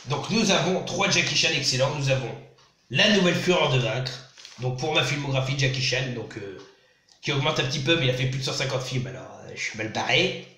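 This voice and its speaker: A man's voice: mid-range voice, reverberant, background noise. A man with a sore throat, enthusiastically unboxing films and reading their blurbs aloud in a casual vlog. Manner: enthusiastic, reads back-cover blurbs aloud. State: slightly sick with a sore throat. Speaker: YouTuber unboxing film DVDs. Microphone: phone.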